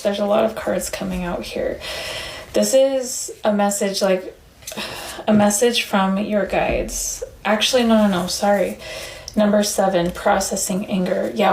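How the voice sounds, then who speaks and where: A woman's voice: mid-range voice, creaky, darkish tone. A woman giving an earnest, encouraging tarot reading, with frequent fillers, recorded in an echoey room. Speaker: tarot reader. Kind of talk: pick-a-card tarot reading. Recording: echoey room, faint background hiss.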